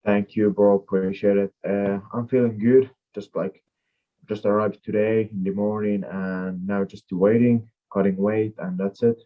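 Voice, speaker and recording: A twenty-something man from Finland, a native Finnish speaker, is interviewed as an MMA fighter guest. He talks at a measured pace in a lowish, level voice, rambling and filling gaps, on audio with the highs cut off.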